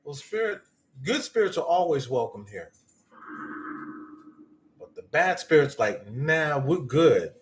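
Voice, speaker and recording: A man's voice: fairly high pitch, sing-song, measured pace, long pauses, low-quality recording. A man hosting a livestream, chatting casually in a folksy, joking way to viewers and spirits. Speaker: livestream host.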